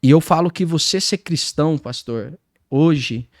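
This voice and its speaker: A man with a Brazilian accent giving a personal faith testimony, telling his story in a lively way and acting out his own past words. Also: a little high, measured pace, dry recording, clean studio sound. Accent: Brazilian Portuguese.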